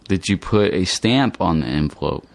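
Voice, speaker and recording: A man's voice: low-pitched, expressive, moderate pace, creaky, no room sound. A man reading everyday dialogues aloud for English learners with a plain, careful delivery. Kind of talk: slow scripted dialogue reading.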